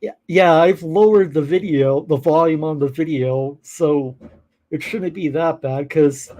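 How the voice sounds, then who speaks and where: A man reacting to police videos on a live stream, making relaxed, wry remarks to his chat. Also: fairly high pitch, unhurried. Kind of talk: casual live commentary.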